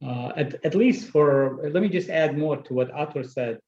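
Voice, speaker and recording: A man's voice: a little high, moderate pace, darkish tone. Man asking a question over dull audio. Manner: hesitant, with fillers. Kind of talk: question in an online Q&A.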